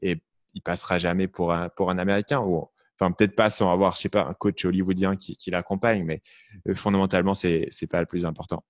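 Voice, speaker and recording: A man's voice: low voice, level tone, quick pace, no echo, studio quality. A man with a mixed French accent, hosting a podcast and asking questions in casual conversation. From France. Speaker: podcast host. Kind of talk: casual interview chat.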